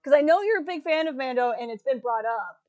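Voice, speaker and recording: Brief: woman host, slightly high voice, casual and chatty, filler-heavy. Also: expressive, a little fast, darkish tone, dull audio. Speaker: livestream host. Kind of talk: casual chat.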